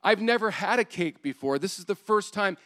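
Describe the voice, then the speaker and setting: A woman's voice: mid-range voice, lively intonation, a bit bright, voice pushed up, natural voice. A man voicing a weary woman of thirty-nine who stammers, overwhelmed. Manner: halting, stammering.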